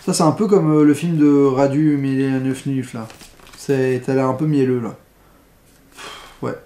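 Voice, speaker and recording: A man's voice: medium pitch, fairly even intonation, a little slow, dark tone, reverberant. A man giving casual commentary on a box of films, blunt and slangy, full of rambling asides. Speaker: film critic vlogger.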